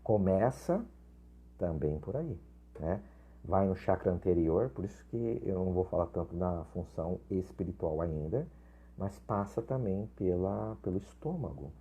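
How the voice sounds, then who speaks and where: A man's voice: deep voice, animated, unhurried, warm tone, husky. A man giving an informal spiritual lesson, chatty, often checking in with his listeners and restarting his sentences. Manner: chatty, frequent tag questions and restarts. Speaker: spiritual teacher.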